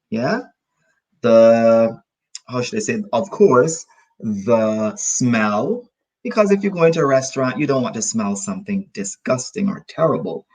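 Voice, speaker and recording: A man from Barbados, teaching an online English lesson over a video call and explaining slowly, with many repetitions and synonyms. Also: mid-range voice, a little mellow, slightly rough, low-quality recording.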